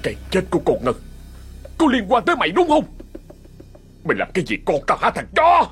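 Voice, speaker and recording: A man voicing a grieving middle-aged village father who sobs and breaks into high cries. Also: huge pitch swings, a little fast, fairly bright tone, faint music behind, heavily acted. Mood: enraged.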